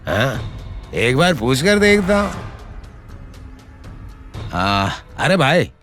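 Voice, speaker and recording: A pushy adult man from a cartoon pleads and insists. He talks slowly, his pitch rising and falling widely. Faint music plays behind him. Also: sing-song, fairly bright tone, exaggerated voice.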